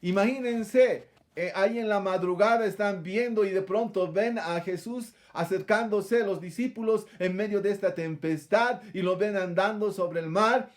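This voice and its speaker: A man's voice: sits high, moderate pace. A man preaching a sermon, retelling a scripture passage and calling his listeners brother, with frequent rhetorical questions.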